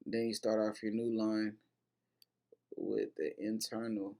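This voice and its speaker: A man's voice: lowish voice, sing-song, takes it slowly, gravelly, dark tone. A man hosting a casual lesson that breaks down rap lyrics, talking loosely with lots of fillers, restarts and casual swearing. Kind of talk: casual explanatory commentary.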